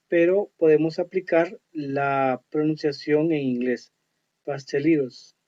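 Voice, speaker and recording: A man teaching an online English lesson, explaining slowly and reading English words with care. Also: fairly high pitch, darkish tone. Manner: slow, explanatory, reads English words carefully. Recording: dull lo-fi audio.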